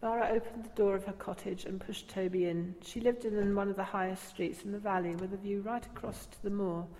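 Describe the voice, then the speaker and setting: A woman giving a calm, steady storybook reading. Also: medium pitch, brisk. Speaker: narrator. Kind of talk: storybook narration. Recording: long reverb, faint ambience.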